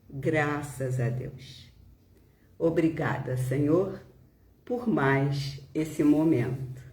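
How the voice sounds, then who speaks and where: A volunteer leading a spiritist prayer live stream, a woman with a Brazilian Portuguese accent guides a devotional reflection with prayer and reading. She is solemn and deliberate, pausing between short phrases in a low, mellow voice, and the home stream sounds roomy and echoing.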